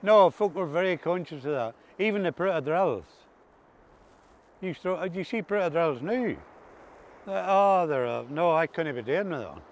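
Walking a grassy seaside path, an older Ulster Scots man recalls farm life in casual, broad rural dialect. His slightly high voice is expressive and moderately paced, and the sound is lo-fi, with clear outdoor ambience.

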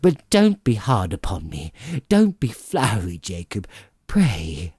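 A man's voice: on the low side, huge pitch swings, slow pace, a little mellow, slightly rough, no echo, clean studio sound, heavily acted. Man playing Scrooge, shaken and faltering. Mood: pleading. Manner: deferential, faltering, pleading. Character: shaken, businesslike miser questioning a ghost.

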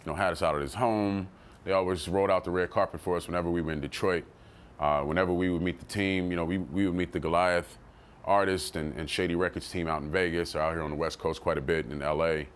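A man talking casually in an interview about his early rap career, loose and animated, jumping into quoted voices and swearing freely. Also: deep voice, fast talker. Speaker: rapper telling his story.

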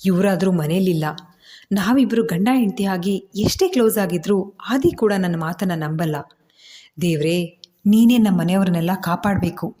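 A frightened young wife, asking worried questions in a pleading tone, as a woman storyteller puts her on. Her voice is mellow and on the low side. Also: moderate pace, lightly acted. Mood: anxious.

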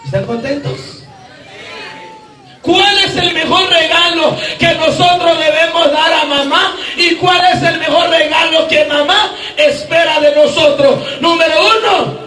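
A man from Guatemala preaching a fervent sermon, shouting often and calling out questions to the congregation. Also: extremely high pitch, measured pace, slight background noise. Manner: fervent, shouting and asking the crowd for replies. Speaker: evangelist preacher. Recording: echoey room from far off.

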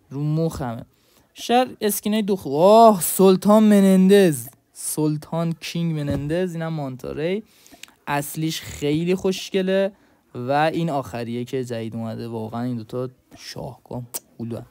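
A man's voice: on the high side, darkish tone. A young man giving casual, slangy gaming commentary and speaking straight to his viewers. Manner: chatty, slangy, addresses viewers directly. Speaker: mobile game content creator.

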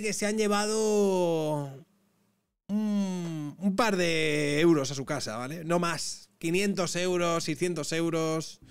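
Sarcastic ranting Madrid man, high voice. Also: clean tone. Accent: Madrid Spanish. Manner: sarcastic, ranting, swings from loud to muttering. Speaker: streamer reacting to clips. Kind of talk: casual reaction commentary.

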